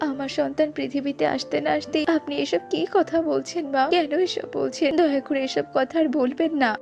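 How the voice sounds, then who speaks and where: A poor young mother who works as a maid pleads gently in a high voice, as a woman narrator plays her. She sounds earnest and close to tears. The cartoon audio is dull and lo-fi, with faint music behind. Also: steady tone, fairly quick, creaky. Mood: pleading. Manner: pleading, tearful. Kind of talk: cartoon voice acting.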